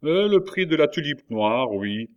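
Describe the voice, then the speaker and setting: A man reading an audiobook, voicing a courteous, gently firm army officer who speaks politely and matter-of-factly. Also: fairly high pitch, sing-song, measured pace, lo-fi sound, voice pushed up.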